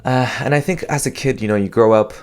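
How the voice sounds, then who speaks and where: A young Canadian podcast host reflects on his own experiences, speaking quickly at a medium pitch. He's thoughtful but hesitant, with lots of fillers and false starts.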